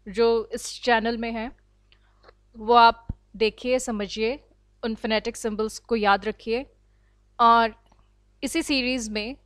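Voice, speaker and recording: Slow, deliberate Indian woman teacher. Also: fairly high pitch, a bit bright, no room sound. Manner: slow, deliberate explaining, switching between Hindi and English. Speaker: English teacher. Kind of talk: online lecture.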